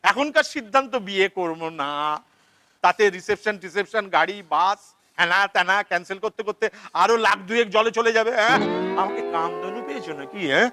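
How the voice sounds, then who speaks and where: An actor playing a frantic, money-obsessed father of the bride who rants, shouts and repeats himself, with a Kolkata Bengali accent. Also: high-pitched, fairly quick, dry recording, faint music behind. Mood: frantic indignant. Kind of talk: theatre play reading.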